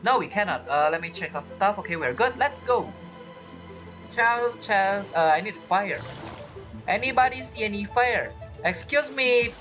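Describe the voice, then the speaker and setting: A gamer and video creator, this woman talks through her playthrough in a casual, rambling way, thinking aloud and putting questions to herself as game music plays. Her mid-range voice is animated and slightly bright, at a moderate pace.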